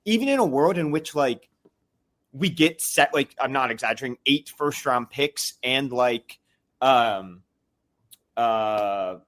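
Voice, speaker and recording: A man's voice: medium pitch, expressive, slow, a bit bright. A man calling into a live fan podcast, fired up and venting in rambling bursts full of restarts and fillers. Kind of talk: casual venting chat.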